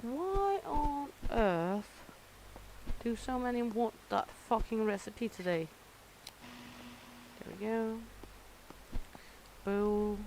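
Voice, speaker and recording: A woman gives unhurried, drawn-out commentary while she plays a cooking game. Her voice sits a little high, and she talks to herself as she works. She curses at her customers in a teasing way. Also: expressive, a little mellow, slight background noise, poor audio. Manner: grumbling and swearing at customers. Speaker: gamer playing a cooking simulation. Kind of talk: casual gameplay commentary.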